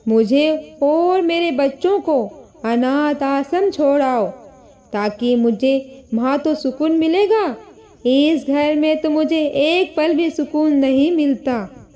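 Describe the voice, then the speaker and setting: A woman voicing an angry, scolding young daughter-in-law who shouts bitter accusations in a storybook tale. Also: sits high, slow.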